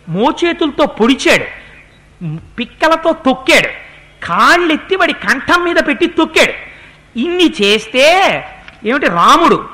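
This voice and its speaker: A man delivers a devotional discourse, narrating an old epic with lively, animated energy. His voice is very high and bright, and he slows right down to chant verses. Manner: animated retelling, chanting Sanskrit verses slowly. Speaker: religious discourse speaker.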